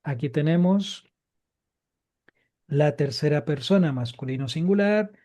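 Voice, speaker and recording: Guy teaching a hebrew grammar class, kinda high mellow voice, says everything twice. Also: lively intonation. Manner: patient, repeats key points slowly. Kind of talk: live class explanation.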